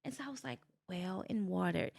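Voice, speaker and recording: A woman's voice: a little fast, vocal fry. A woman chatting as a podcast guest, recounting her own story with energy. She talks casually, and her voice leaps upward whenever she acts out what others said. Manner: animated storytelling, jumps into high voices for quotes.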